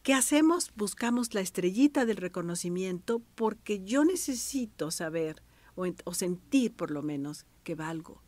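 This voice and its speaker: A middle-aged Mexican woman, a thanatologist, teaching a radio workshop, swinging between soft whispered asides and bright exclamations. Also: medium pitch, lively intonation, moderate pace, no room sound. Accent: Mexican Spanish.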